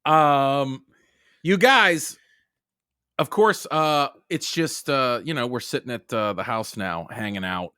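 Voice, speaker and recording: Bright-voiced jokey podcast host man. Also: mid-range voice, slow pace, clear, resonant tone, dry recording, clean studio sound. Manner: loose and jokey, says "dude" a lot. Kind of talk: casual comedy podcast chat.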